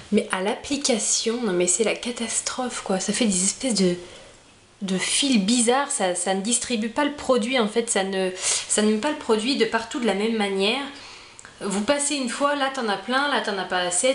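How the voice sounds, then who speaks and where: A woman talks through a makeup haul in a casual, chatty review and often trails off into fillers and restarts. Her voice sits at a middle pitch. The room around her is echoey, with a faint hum of ambient noise behind her. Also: fairly bright tone. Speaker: beauty vlogger.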